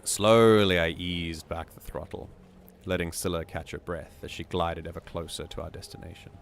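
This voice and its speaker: A man hosting a reading stream, reading a community story aloud in a measured way with joking asides. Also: deep voice, steady tone, a little hiss or hum.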